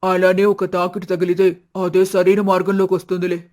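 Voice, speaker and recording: A blunt young husband talks in a lowered voice, with a woman putting him on. He sounds brusque and matter-of-fact. The story is an animated storybook. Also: fairly quick, close to an everyday voice. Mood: approving. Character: young working husband, blunt and plain-spoken.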